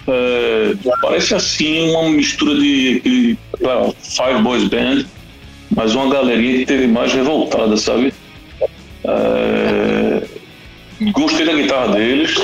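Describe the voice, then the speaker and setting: A man's voice: mid-range voice, gravelly, roomy sound, lo-fi sound. A Brazilian man giving a casual, hesitant music review with many restarts and hedges. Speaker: panelist.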